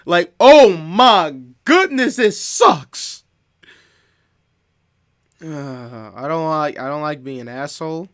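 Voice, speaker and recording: A man's voice: fairly high pitch, animated, slow pace, long pauses, a bit bright. A male streamer making sarcastic, mocking asides while watching a show. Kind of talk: casual stream commentary.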